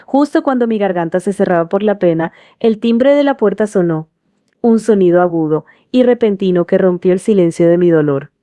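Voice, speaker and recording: A middle-aged woman narrates a first-person story in a steady, earnest tone. Her voice is mellow and dark, at a medium pitch. The sound is dry and close. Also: normal speed, no room sound.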